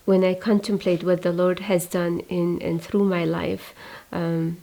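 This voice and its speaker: Brief: woman, 40s, from Iraq, gravelly dark voice, quiet reflective testimony. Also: fairly low pitch, flat delivery, unhurried, poor audio. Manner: soft-spoken, hesitant with many fillers. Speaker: religious sister, community founder.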